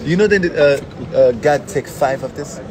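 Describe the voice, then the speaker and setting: On a café terrace beside a busy city street, a young vlogger-host chats loosely to camera and friends in non-native English with loose grammar, animated and repeating short phrases. His voice is a little high at a moderate pace. A phone held at arm's length picks up street noise and café chatter.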